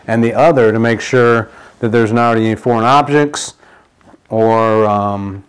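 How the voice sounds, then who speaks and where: A man's voice: lowish voice, steady tone, a little slow, smooth. A middle-aged man in a product demonstration video, explaining a repair step by step with plenty of fillers, at a demo table indoors.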